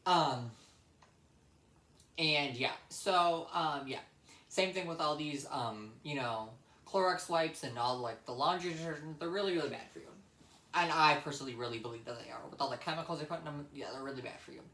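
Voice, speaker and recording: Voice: mid-range voice, normal speed, sharp tone. A young adult vlogger telling a personal story in a casual, rambling way, blunt and emphatic, with free swearing. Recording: echoey room.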